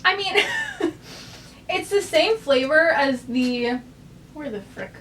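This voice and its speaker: Chatty high-voiced young American woman. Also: lively intonation, unhurried, a bit bright, far from the mic, a little hiss or hum. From United States. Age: young adult. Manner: rambling, filler-heavy, chatty. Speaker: vlogger. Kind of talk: casual chat. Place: in bed, bedroom.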